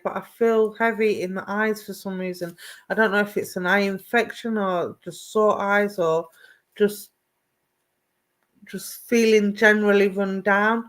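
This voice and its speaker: Her voice medium-pitched and a bit bright, a woman psychic medium gives live readings online. She warmly addresses viewers by name, calls them "my darling," and asks whether things make sense.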